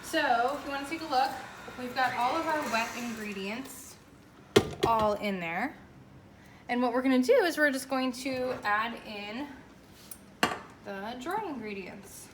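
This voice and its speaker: A woman with a fairly high voice hosts a casual cooking demonstration in a chatty, emphatic way. She is recorded at some distance from the mic in a roomy, echoing space, with clear background noise. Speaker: home baking show host.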